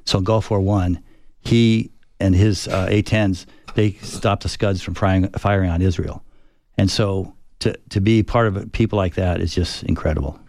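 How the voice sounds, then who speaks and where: An older man, a retired Air Force fighter pilot, telling stories in an interview with a reflective, halting manner full of restarts. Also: low voice, fairly even intonation, darkish tone, dry recording, clean studio sound. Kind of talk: conversational interview storytelling.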